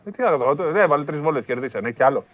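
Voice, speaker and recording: A man's voice: fairly high pitch, lively intonation, a bit bright. A man co-hosting a sports talk show, stubborn and grumbling as he argues his point in studio banter. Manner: stubborn, grumbling about referees.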